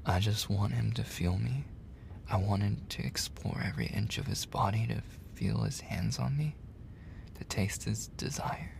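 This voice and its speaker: As a male college tutor in an intimate ASMR roleplay, a performer sounds flattered and flirtatious, easygoing and teasing. His soft, low, creaky voice lingers through casual pauses and sinks into whispers now and then, with faint noise behind.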